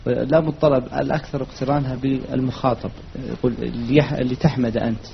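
Student guy pushing back on teacher, gravelly voice, lots of uh, muffled sound. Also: mid-range voice, fairly even intonation, brisk. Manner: tentative, argumentative, with fillers. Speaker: student raising an objection. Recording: lo-fi recording with faint background noise.

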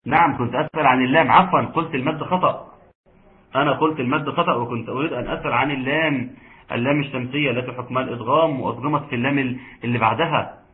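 A man with an Egyptian accent teaching Quran recitation rules, chanting verses slowly and explaining quickly. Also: medium pitch. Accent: Egyptian Arabic. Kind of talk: online tajweed lesson. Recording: tinny online call audio.

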